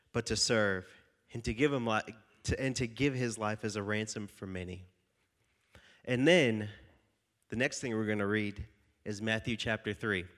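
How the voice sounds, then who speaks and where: Speaking to his youth group, a young pastor preaches in a casual, joking way and reads scripture aloud. His mid-range voice is a bit bright, yet stuffy and slightly nasal from a cold.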